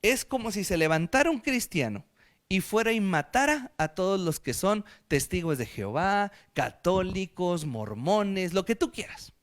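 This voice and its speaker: A Mexican preacher delivers a live sermon with jokes, speaking directly to his listener. His voice is high and very animated, rising and falling all over. He keeps a casual, lively tone. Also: unhurried. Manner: lively, joking, talks straight to the listener.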